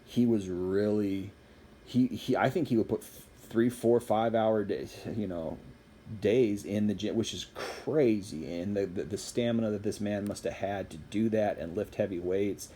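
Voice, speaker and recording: A man's voice: lowish voice, measured pace, mellow, a little hiss or hum. A man giving a casual, rambling opinion monologue as a fitness commentator, repeating phrases for emphasis.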